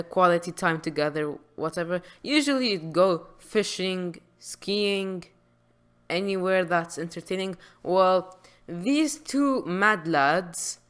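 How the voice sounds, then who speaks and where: A woman's voice: fairly low pitch, a bit bright. A woman hosting a casual tech news podcast, chatty and informal, often stumbling and restarting her sentences. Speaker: podcast host.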